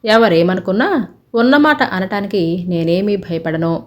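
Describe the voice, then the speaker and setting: A woman voicing an arrogant, sharp-tongued young woman who speaks scornfully, in a narrated story. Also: mid-range voice, measured pace, natural voice. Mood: mocking. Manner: scornful, cutting.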